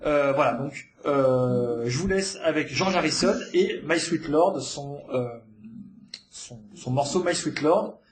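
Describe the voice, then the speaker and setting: A man's voice: on the high side, slow. A man hosting a library podcast, recommending films in a casual, hesitant way with many fillers and restarts.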